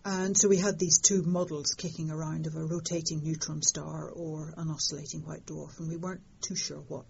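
Older woman, low husky voice, wry and animated storyteller, lo-fi interview. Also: brisk. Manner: lively storytelling, fond of understatement. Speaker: interviewed astronomer. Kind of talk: conversational interview. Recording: dull lo-fi sound.

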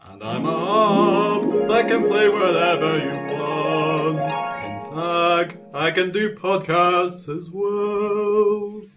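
A man's voice: sits high, extremely slow, exaggerated voice. A man voicing a boastful magic harp that offers to play anything. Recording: loud harp music behind.

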